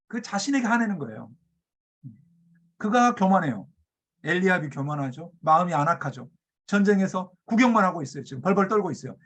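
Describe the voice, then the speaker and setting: A male pastor preaching a sermon, acting out scripture characters' lines with shifting pitch and loudness. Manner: acts out biblical quotes with shifting pitch and loudness.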